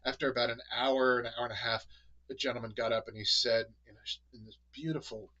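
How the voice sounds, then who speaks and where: A man with a New England accent talks in a relaxed, rambling way, full of fillers and restarts. His voice is bright and a little husky, and his pitch sits in a middle range. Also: fast talker, dull audio. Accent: New England American. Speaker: podcast host. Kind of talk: casual chat.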